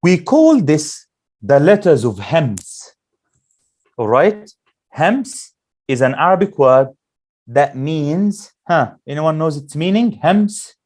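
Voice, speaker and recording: A male Quran teacher leading a classroom lesson, slowly drilling letter sounds and asking the class questions. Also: a little high, sing-song, a little mellow.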